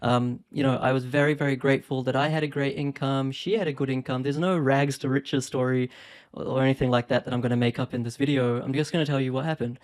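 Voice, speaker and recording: This man's voice is mid-range, steady, clear and resonant, and he talks fast. He's a thirtysomething property investment YouTuber, Indian-born and brought up in New Zealand and Australia, whose accent reflects both. Filming on his phone, he discusses investing cheerfully and casually, laughing lightly and saying um a lot.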